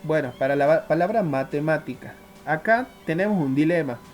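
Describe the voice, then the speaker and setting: Speaking briskly with lively intonation and a slightly high pitch, this male math teacher delivers a classroom lecture over soft background music. He moves one step at a time, frequently asks if everyone understands, and answers his own questions.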